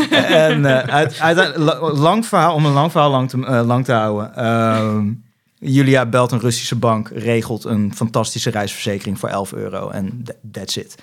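A young man from the Netherlands, a podcast guest, tells a travel story in casual chat and acts out phone calls. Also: mid-range voice.

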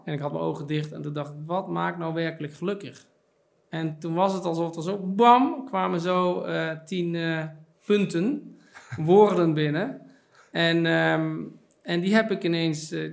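A man's voice: on the high side, fairly even intonation, normal speed, creaky. A middle-aged man, a podcast guest and author, talking reflectively in a casual chat with many fillers and repeated words. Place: podcast studio.

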